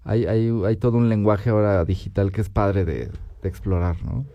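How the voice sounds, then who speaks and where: A man's voice: fairly low pitch, moderate pace, no echo, dull audio. A man with a Mexican accent, a musician guest on a radio show, joking in casual slang. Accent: Mexican Spanish.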